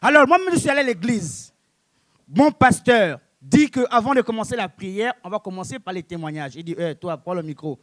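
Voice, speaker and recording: A man doing a stand-up comedy set on a club stage, loud and punchy, calling out to the audience. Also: sits high, big pitch swings, normal speed, no room sound. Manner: loud, punchy, shouted audience call-outs.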